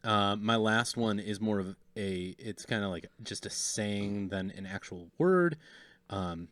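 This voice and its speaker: A man with a lowish voice talks in an easy, joking way as co-host of a casual chat. He steers the talk along without hurry. The sound is dry and close, with no room around it. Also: unhurried, fairly bright tone, dry recording. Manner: laid-back, joking, guides the segments. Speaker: podcast co-host.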